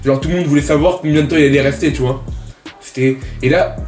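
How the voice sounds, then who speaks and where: A man's voice: on the high side, steady tone, a little mellow. Young guy telling jokes, slangy, stumbles and repeats, echoey room, music in back. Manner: slangy, halting, repeats himself. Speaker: contestant in a joke-telling challenge. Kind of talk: casual deadpan joke telling. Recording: roomy echo, music behind.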